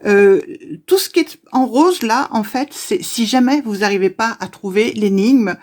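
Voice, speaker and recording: Chatty woman unboxing, halting and friendly. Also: a little high, animated, a little mellow. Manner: chatty, hesitant, many fillers and restarts. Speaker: YouTuber opening advent calendars. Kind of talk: casual unboxing chat to camera.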